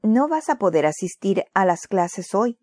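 A woman voicing a caring mother who talks softly and slowly. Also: mid-range voice, big pitch swings, no room sound, clean studio sound. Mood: gentle. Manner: soft, slow, compassionate. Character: caring mother, gentle and sensible.

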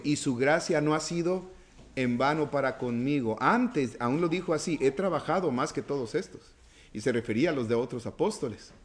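A male pastor with a fairly high voice delivers a sermon in a conversational way. He keeps asking the congregation for agreement and builds up to emphatic passages.

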